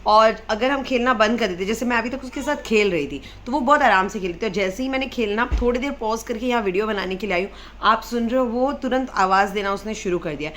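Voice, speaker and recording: A woman's voice: a little high, a bit bright, a little hiss or hum. A woman in her thirties, a mother chatting casually to camera in a vlog, mixing in English phrases and hurrying along. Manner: hurried, wrapping up quickly. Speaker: parenting vlogger and mother.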